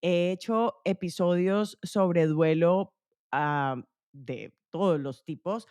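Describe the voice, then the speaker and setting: A woman's voice: deep voice, dark tone, no room sound, clean studio sound. A woman hosting a podcast interview, chatty and enthusiastic, with fillers and restarts. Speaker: podcast host. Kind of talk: casual interview.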